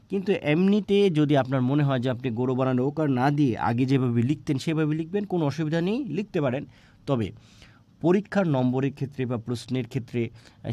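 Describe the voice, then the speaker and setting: A man's voice: a little high, warm tone, dry recording. A man teaching an exam-prep grammar lesson, asking questions and answering them himself, with frequent hesitant fillers. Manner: explains slowly, with frequent "ah" fillers and restarts.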